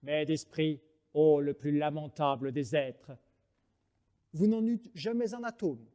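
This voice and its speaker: A man's voice: fairly high pitch, measured pace, warm tone, lightly acted. An actor playing a proud, mocking swordsman poet in a French verse monologue, declaiming like a hammy stage actor. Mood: scornful, proud. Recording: reverberant hall sound.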